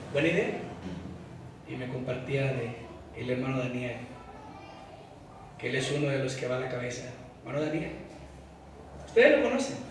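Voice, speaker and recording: A male pastor preaching a sermon, swinging between hushed pleading and loud exhortation. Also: mid-range voice, a little hiss or hum. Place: church sanctuary. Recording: echoey church from a distant mic.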